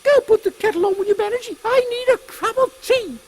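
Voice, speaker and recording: Man putting on a very high-voiced, imperious Queen Victoria. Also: brisk, a little mellow. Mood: brisk, regal. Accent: English. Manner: pompous, regal, commanding. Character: imperious, brisk Queen Victoria, haughty older British woman. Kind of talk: steampunk audio comedy acting.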